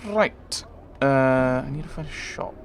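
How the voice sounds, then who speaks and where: A man's voice: medium pitch, takes it slowly, slight background noise. A man doing casual game commentary, thinking aloud in muttered asides and reading bits of game text. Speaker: let's player.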